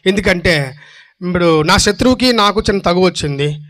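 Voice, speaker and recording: A man preaching a sermon, firing rhetorical questions and swinging between loud, forceful lines and soft, low asides. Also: lively intonation, moderate pace. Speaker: pastor.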